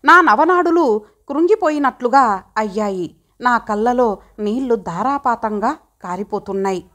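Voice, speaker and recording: A woman narrating an audiobook story in an expressive storytelling manner. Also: fairly high pitch, measured pace.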